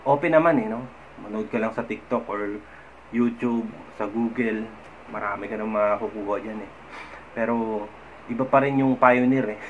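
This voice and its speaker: A man, talking casually to camera as a vlogger and giving advice on managing anger. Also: medium pitch. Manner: chatty, often adds "no?" and laughs softly. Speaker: vlogger giving mental health tips. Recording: slightly dull, faint background noise.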